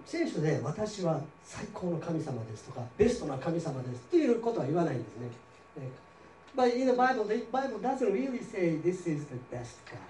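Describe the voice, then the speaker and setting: A male pastor preaching in a chatty, conversational way, his somewhat high voice rising and falling a great deal. He is heard from a distance in a roomy church sanctuary, with a faint hum of ambience behind him. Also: a little mellow. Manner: chatty preaching with frequent tag questions. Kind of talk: conversational sermon. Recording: roomy hall picked up from a distance.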